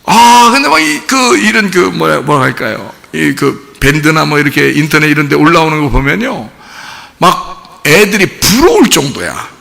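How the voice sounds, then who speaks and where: Animated high-pitched male preacher in a hall. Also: normal speed, vocal fry. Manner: animated preaching, acting out quoted voices. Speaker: pastor. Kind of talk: sermon. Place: church sanctuary. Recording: reverberant church hall with faint noise.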